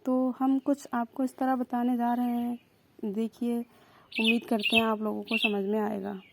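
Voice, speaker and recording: A woman's voice: on the high side, flat delivery, gravelly, heavy background noise. A young woman teaching an exam-prep lesson, patiently repeating and sounding out each consonant. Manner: repeats and spells out sounds slowly, explaining patiently.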